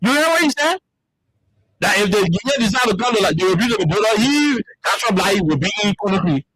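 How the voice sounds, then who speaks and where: Speaking from a radio studio with a Liberian English accent, this man from Liberia hosts a talk show of heated political commentary and often repeats words as he searches for them. His high, husky, fairly bright voice is brisk and lively, and the low-quality recording has no room sound.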